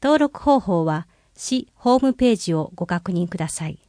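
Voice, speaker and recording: A woman reading a city bulletin aloud in a clear, measured way, slowing down for phone numbers and contacts. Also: on the low side, lively intonation, warm tone, no room sound, studio quality. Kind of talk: scripted reading of public notices.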